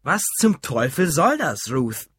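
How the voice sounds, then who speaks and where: A bellowing, hot-tempered husband yelling at his family in an audiobook, as a man puts him on, pitched up well above a normal speaking voice. The voice is husky and dry, with no room sound. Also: big pitch swings, moderate pace, dry recording. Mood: furious. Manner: loud and blustering. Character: irritable grown man, shouting at family.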